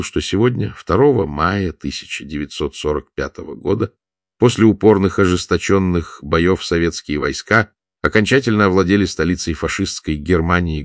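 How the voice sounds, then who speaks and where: A man narrating a war story in a steady, measured reading. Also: low-pitched, dry recording, studio quality. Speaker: audiobook narrator. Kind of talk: scripted narration.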